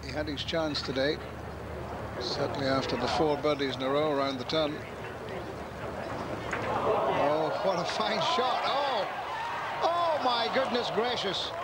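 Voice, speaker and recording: A man giving live golf commentary, describing each shot and score. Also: fairly high pitch. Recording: very loud outdoor noise behind.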